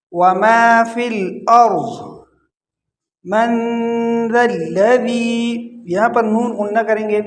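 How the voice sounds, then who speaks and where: Man teaching slow chanted Quran recitation. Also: high voice. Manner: alternates slow drawn-out recitation with quick explanations.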